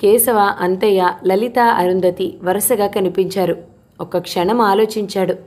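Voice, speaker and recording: A woman narrating a novel as an audiobook, voicing the characters in a gentle, measured storytelling manner. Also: mid-range voice, fairly even intonation.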